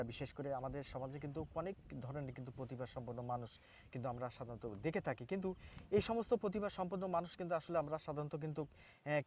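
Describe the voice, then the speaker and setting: A man from Bangladesh hosts a local news interview and talks quickly, with a fairly high voice. He is halting and repetitive, restarting his sentences and filling the gaps with hesitations. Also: a little mellow. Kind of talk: on-camera interview with a timed demonstration.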